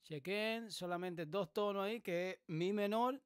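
A man hosting a music production tutorial, explaining things casually with many pauses and fillers. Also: sits high, clean tone, no room sound, clean studio sound. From Dominican Republic. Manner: relaxed, explanatory, many hesitations. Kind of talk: casual screen-recorded tutorial. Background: beat playing in the background.

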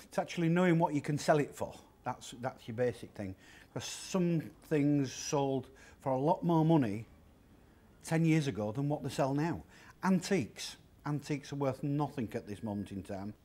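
In a big indoor warehouse full of secondhand furniture, a man in his fifties who runs the shop chats through an interview, walking plainly through what old pieces cost step by step. His mid-range voice is expressive and warm, at a moderate pace.

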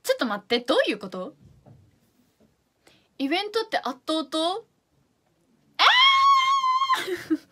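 High-voiced bubbly woman, Hakata accent. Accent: Hakata dialect. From Fukuoka, Japan. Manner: bubbly, chatty, drops to soft asides. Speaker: idol livestream host. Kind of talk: casual livestream chat reading comments.

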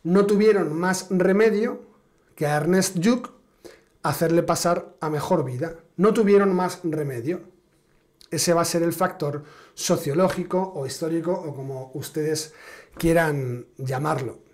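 A man delivering a political commentary monologue in a rather high voice. He speaks with biting sarcasm and stretches key words for emphasis, repeating phrases for effect. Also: darkish tone. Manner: sarcastic, emphatic, drawn-out dramatic stresses.

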